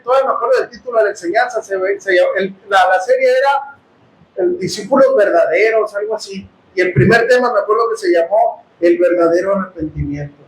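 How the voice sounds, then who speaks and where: A man with a Mexican accent preaching a sermon testimony, impassioned and often bursting into shouts as he addresses his brothers. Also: high-pitched, a little fast, roomy sound, low-quality recording. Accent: Mexican Spanish. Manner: impassioned, bursts into shouting, calls listeners "hermanos". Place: house of prayer.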